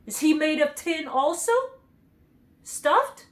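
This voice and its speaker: A woman's voice: high voice, lively intonation, takes it slowly, pitched above the performer's own voice. A woman voicing a big, cowardly male lion in a children's storybook read aloud. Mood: curious.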